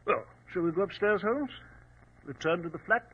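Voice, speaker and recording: An actor playing an earnest, easily flustered gentleman doctor and loyal companion in 1940s radio drama style. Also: high-pitched, animated, normal speed, husky. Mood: puzzled, indignant. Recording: dull vintage radio recording.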